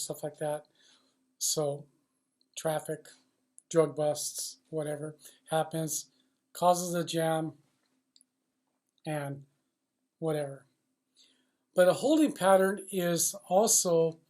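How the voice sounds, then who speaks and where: A Chinese-based commentator on the loudspeaker supply industry, a man with a strikingly high voice, delivers an unscripted, opinionated rant. Blunt, emphatic and riled up, he pounds his points with repeated phrases and profanity, pausing at times to find his next words.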